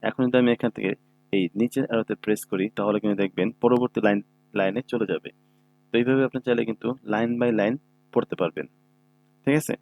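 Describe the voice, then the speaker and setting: A man's voice: on the low side, quick pace, muffled recording. A man giving a screen-recorded computer tutorial, explaining each step patiently and often checking that listeners follow. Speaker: computer instructor. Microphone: own microphone.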